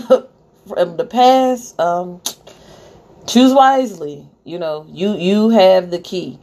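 A woman's voice: lowish voice, a little mellow. A woman giving a casual spiritual reading like a life coach, encouraging and directive, with sassy informal phrasing and repetition for emphasis. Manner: informal, sassy slang with check-in tags. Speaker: spiritual card reader giving guidance to viewers. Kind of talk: casual intuitive reading, life-coach style motivational advice.

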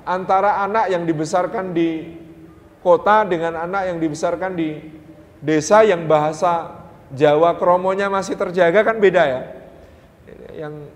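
High-voiced lively preacher. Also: male voice, unhurried, pauses often, in a large hall. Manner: lively, playful, mimics dialects, casual Javanese asides. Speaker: Islamic preacher. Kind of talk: sermon.

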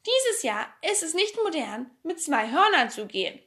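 A woman voicing a strong, wild and cheerful little girl in a storybook reading, talking loudly and cheekily. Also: high-pitched, sing-song, moderate pace, voice pushed up, heavily acted. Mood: cheeky. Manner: loud, laughing, playfully cheeky. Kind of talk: audiobook character voice.

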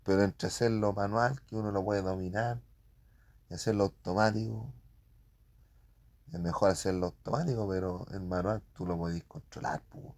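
Gravelly Chilean man rambling in slang. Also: fairly low pitch, steady tone, normal speed, a little mellow. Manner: slangy, rambling, makes printer sound effects. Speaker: print shop worker. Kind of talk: casual rambling monologue.

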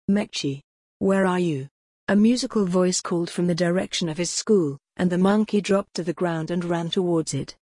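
A woman narrating a children's storybook in a steady, even reading voice, giving the characters quiet voices. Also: fairly low pitch, slightly rough, no room sound. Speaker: audiobook narrator.

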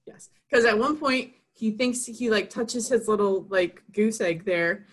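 A woman co-hosting a podcast, talking in an animated way with swearing and emphatic repeats. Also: mid-range voice, a little slow. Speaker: podcast co-host. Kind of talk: casual chat.

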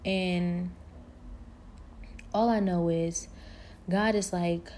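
A woman's voice: lowish voice, fairly even intonation, drawn-out words, darkish tone. A woman telling a personal faith story in an earnest, reflective way, leaning on fillers like "like" and "you know".

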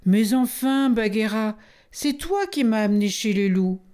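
A woman's voice: a little high, unhurried, warm tone, pitched above the performer's own voice, close to an everyday voice. A woman voicing a cheeky, freedom-loving boy in a storybook, defiant and offhand.

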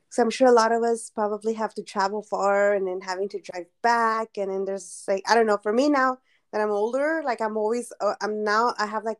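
A woman in her thirties co-hosting a podcast, chatting loosely and laughing often. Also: mid-range voice. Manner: laughs often, rambling restarts. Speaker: podcast co-host. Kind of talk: casual chat.

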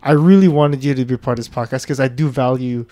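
A man's voice: mid-range voice, fast talker, very noisy. A man in his twenties hosting a casual podcast chat, rambling with lots of fillers and restarts. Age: 20s. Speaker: podcast host.

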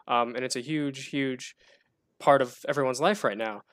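A young man interviewing a candidate as a student interviewer, asking polite, measured questions. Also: medium pitch, fairly bright tone, dry recording. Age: young adult.

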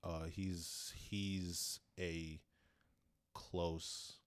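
A young man, a rapper and producer, answering interview questions in a relaxed, rambling way with restarts. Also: low voice, extremely slow, no echo.

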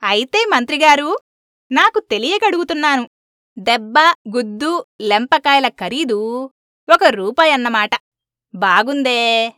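A woman's voice: on the high side, expressive, a little slow, long pauses, bright, forceful tone, dry recording, clean studio sound. A woman voicing a clever male court poet in a storybook tale, speaking in a wry, mock-innocent way.

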